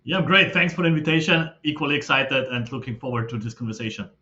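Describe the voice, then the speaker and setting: A man, a podcast guest who explains his background in a steady, filler-laden way. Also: medium pitch, fast. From Austria. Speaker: guest, fund manager. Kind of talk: casual interview talk. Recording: slightly dull lo-fi audio.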